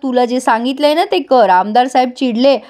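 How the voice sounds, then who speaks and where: A woman's voice: high voice, normal speed, darkish tone, close to an everyday voice. A woman voicing a panicky, crooked male village official who barks orders at his helper.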